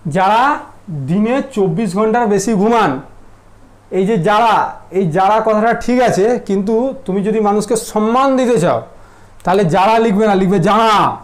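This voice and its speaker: A man's voice: sits high, measured pace. Teasing casual math teacher, man. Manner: teasing, asks students constant check questions. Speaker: mathematics teacher. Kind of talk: casual classroom lecture.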